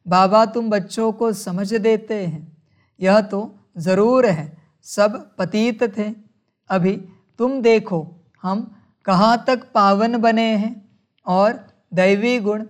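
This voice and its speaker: A woman giving a spiritual sermon, speaking in a measured way, calling her listeners children and asking rhetorical questions. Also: medium pitch. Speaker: spiritual teacher.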